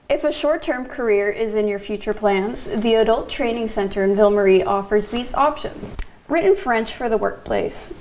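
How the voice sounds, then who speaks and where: A woman's voice: a little high, darkish tone, a little hiss or hum, poor audio. A woman co-hosting community radio, reading local notices plainly and teasing her co-host. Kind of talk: community radio announcements and banter.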